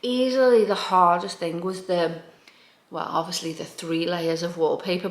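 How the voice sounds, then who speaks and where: A woman chatting casually as a home vlogger, thinking aloud in an informal, self-deprecating way. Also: on the low side. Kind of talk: casual chatty room-tour vlog. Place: indoors in a living room. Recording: echoey room, background noise.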